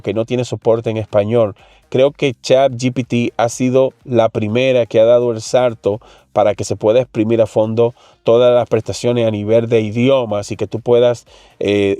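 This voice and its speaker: Male tech host, warm low-bright tone, dry close sound, chatty and direct with viewers. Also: no room sound. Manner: chatty, addresses the viewer directly with frequent fillers. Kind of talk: casual tech demo talking to viewers.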